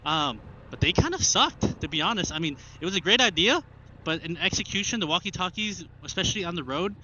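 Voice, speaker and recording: A man's voice: high voice, lively intonation, fairly quick, sharp tone. A young American man chatting casually and ramblingly as he rides, talking from inside a motorcycle helmet. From Arkansas, United States. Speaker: motovlogger, new rider. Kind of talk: casual vlog chat while riding. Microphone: helmet headset mic into an action camera. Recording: muffled helmet mic with engine and road noise.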